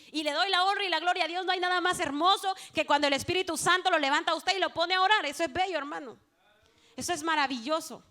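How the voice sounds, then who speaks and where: A woman giving a fervent evangelical testimony to a church congregation, speaking straight to the listeners and swinging between hushed passages and loud exclaimed ones. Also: high voice. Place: church service.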